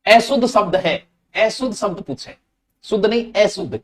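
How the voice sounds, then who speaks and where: A man's voice: sits high, expressive, normal speed. A man with a Rajasthani accent teaching Hindi grammar in a live online exam-prep class, chatting with students directly and slipping into local dialect.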